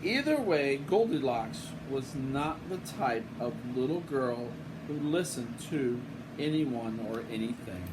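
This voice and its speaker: Slow-paced older man reading a storybook, noisy recording. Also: medium pitch. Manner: unhurried, playful, casual. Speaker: grandfather reading a picture book aloud. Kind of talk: storybook read-aloud with folksy asides. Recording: home recording with steady room hum.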